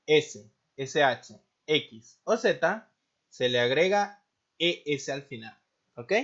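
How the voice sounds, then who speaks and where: Male teacher, patient lesson voice, slightly high pitch, muffled lo-fi sound. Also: fairly bright tone. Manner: slow and patient, checks understanding with frequent tag questions. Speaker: English teacher. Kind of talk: recorded classroom lesson. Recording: muffled lo-fi recording.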